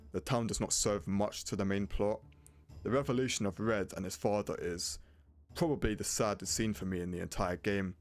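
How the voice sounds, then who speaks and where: A man narrating a scripted video game review in a blunt, casual way. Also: lowish voice. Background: prominent music.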